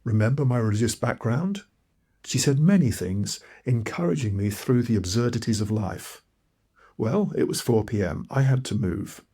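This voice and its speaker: A man's voice: medium pitch, animated, normal speed, mellow, breathy edge. A man from Malawi, narrating his own audiobook in a reflective, earnest storytelling way. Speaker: author and narrator.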